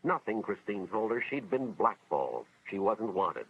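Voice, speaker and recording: A man's voice: fairly low pitch, sing-song, normal speed, vocal fry, slightly rough, full character voice. An American man acting as an earnest school official, narrating a 1950s educational film in a dramatic, moralizing storytelling style. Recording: dull vintage film soundtrack, music behind.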